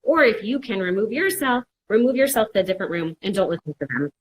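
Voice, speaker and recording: A woman's voice: medium pitch, lively intonation, fast talker, poor audio. A woman counselor giving casual, reassuring advice and acting out worried inner voices in quotes. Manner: reassuring, repeats "it's okay". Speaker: mental health counselor. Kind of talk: conversational advice.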